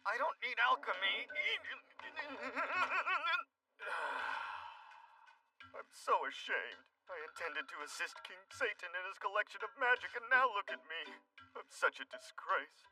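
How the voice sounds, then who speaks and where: A man's voice: high-pitched, big pitch swings, slow pace, sharp tone, recorded from a distance, soft background music, heavily acted, low-quality recording. A man playing a sickly, devoted servant, strained and melodramatic, in an English anime dub. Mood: ashamed, suffering. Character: sickly, self-loathing, devoted young male servant.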